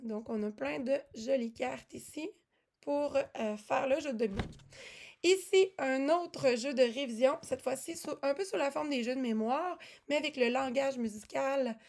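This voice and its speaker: A woman's voice: sits high, moderate pace, vocal fry, darkish tone. Chatty woman presenting lessons. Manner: chatty, many fillers and restarts. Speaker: music teaching resource presenter. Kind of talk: casual walkthrough of classroom materials.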